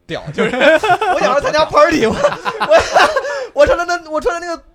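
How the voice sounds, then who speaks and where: A man in his thirties, a podcast guest, telling a story in a casual, animated way, laughing and swearing freely. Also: extremely high pitch, normal speed, a loud crowd.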